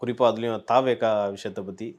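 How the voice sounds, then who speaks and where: A man's voice: medium pitch, steady tone, brisk, a little mellow. A man interviewing a political guest, polite and calling him sir.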